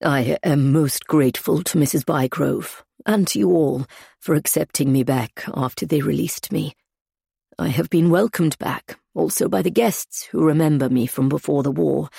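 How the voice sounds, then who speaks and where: A woman voicing a quiet, formal German waiter who speaks in a very precise, polite manner. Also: a little high, creaky, husky, no echo, clean studio sound, heavily acted.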